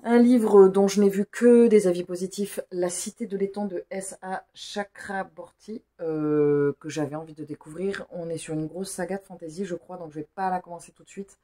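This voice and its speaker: Low, mellow-voiced woman chatting about books. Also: fairly even intonation, moderate pace, hardly any pauses. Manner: chatty and rambling, with self-talk asides. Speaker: book YouTuber. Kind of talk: casual book haul vlog.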